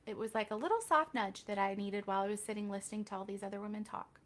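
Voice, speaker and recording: A woman's voice: medium pitch, fast. A woman hosting a casual live Q&A stream, talking candidly with chatty, self-deprecating asides. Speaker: reiki healer hosting a live Q&A.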